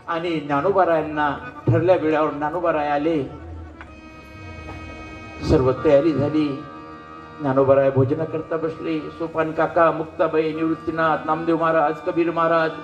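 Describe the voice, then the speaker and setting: A male kirtan preacher recounts a devotional story with dramatic emotion in a high voice. His voice echoes in a roomy hall. Faint instruments play behind him.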